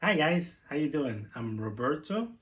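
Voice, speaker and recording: A man's voice: on the high side, big pitch swings, moderate pace, over loud music, low-quality recording. A young man from Venezuela talking casually to camera about parenting, earnest and reflective, often restarting his sentences. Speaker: co-host of a family channel.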